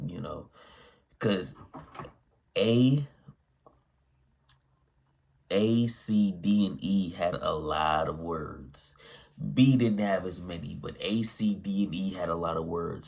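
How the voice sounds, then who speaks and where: A man's voice: deep voice, gravelly. A man with the hiccups giving a laid-back, rambling spoken vocabulary lesson. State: has the hiccups. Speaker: vocabulary teacher.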